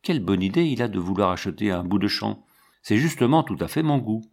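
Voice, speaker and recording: A man's voice: on the low side, lively intonation, fairly quick, gravelly, darkish tone. A man voicing an eager, earnest young boy in a storybook reading.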